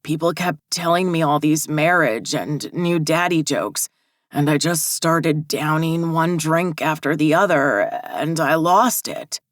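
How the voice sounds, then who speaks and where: A shaken, ashamed young man stumbling over his words, as a woman narrator voices him. Slow and low, heard close and dry. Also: dry recording.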